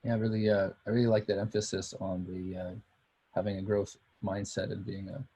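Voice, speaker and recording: A man's voice: fairly low pitch, little pitch movement, brisk, mellow, breathy edge. A man on a video call, agreeing and reflecting, with many hesitant uhs. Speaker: technical writer. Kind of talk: casual video call discussion.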